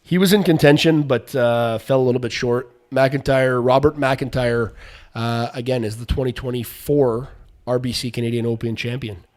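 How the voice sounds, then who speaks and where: A man's voice: mid-range voice, fairly even intonation, normal speed, a little mellow. Rambling male sports podcast host. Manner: rambling, loose, drifts between topics. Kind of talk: casual sports chat.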